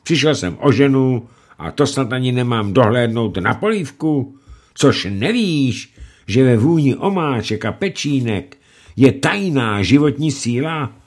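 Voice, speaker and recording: Man voicing Lamme, a fussy high-pitched fat cook. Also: lively intonation, close to an everyday voice. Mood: indignant grumbling. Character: fat fussy male ship's cook, grumbling, tender-hearted. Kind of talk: audiobook character reading.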